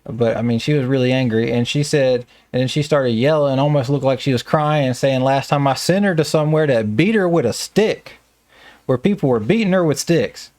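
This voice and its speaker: Man, Southern American accent, middle pitch, dry close sound, plainspoken storytelling. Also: normal speed, a little mellow, no room sound. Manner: plainspoken and colloquial, telling stories at length. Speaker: staffing business owner. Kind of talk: casual storytelling interview.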